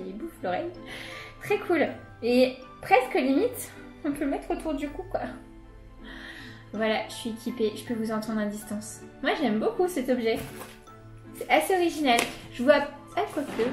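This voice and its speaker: Chatty enthusiastic woman in echoey room. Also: fairly high pitch. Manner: chatty and enthusiastic, many fillers. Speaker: unboxing vlogger. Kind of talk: casual unboxing chat. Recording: echoey room with light music.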